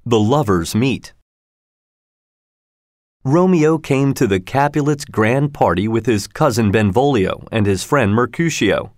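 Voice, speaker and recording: Slow, calm male storybook narrator. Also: medium pitch, dry recording, studio quality. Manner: calm, measured. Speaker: audiobook narrator.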